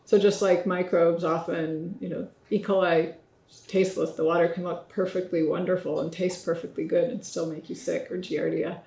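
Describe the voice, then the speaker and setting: A woman's voice: lowish voice, level tone, normal speed, gravelly, mellow. Brief: middle-aged woman, workshop facilitator, sums up each point, recorded in a reverberant room. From United States. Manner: summarizing and inviting comments. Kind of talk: moderating a group discussion. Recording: echoey room.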